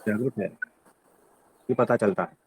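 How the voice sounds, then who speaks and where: A man's voice: fairly low pitch, a little slow, a little hiss or hum, rough recording. A man as a spiritual teacher answering questions in a satsang, explaining patiently and often checking in with his listener. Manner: calm, patient explaining with frequent "है ना?".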